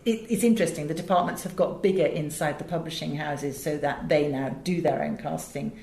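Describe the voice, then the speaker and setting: In a roomy, echoing space with faint background noise, a middle-aged Englishwoman who directs and produces audiobooks answers interview questions in a British accent. Her deep, slightly mellow voice is brisk with vocal fry and fairly even intonation, and she tells stories emphatically with frequent asides.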